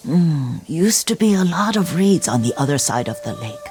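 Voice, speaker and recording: Old, gentle caretaker woman. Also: sits low, very animated, moderate pace. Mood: worried. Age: older. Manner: soft-spoken, often half-whispered, motherly. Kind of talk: video game dialogue. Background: game music.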